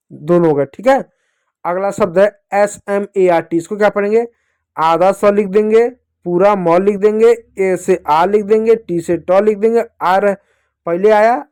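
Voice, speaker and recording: A man teaching children to read English words, spelling them out slowly sound by sound and calling his pupils dear kids. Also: sits high, darkish tone, clear, resonant tone. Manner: slow, syllable-by-syllable spelling out of words. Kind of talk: phonics lesson for kids.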